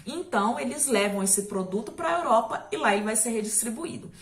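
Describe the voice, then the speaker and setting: A woman's voice: on the high side, expressive, brisk. A woman from Brazil teaching a recorded history lesson in a chatty, conversational way, checking in with students often and slipping in small jokes. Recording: echoey room.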